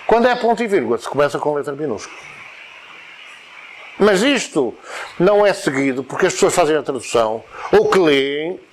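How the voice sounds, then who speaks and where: A man with a European Portuguese accent gives an informal talk to a study group. His voice sits a little high and swings widely in pitch as he explains. He drifts between points, repeats words and reaches for examples, with a faint hiss behind him. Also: big pitch swings, fairly quick, pauses often. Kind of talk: informal spoken lecture.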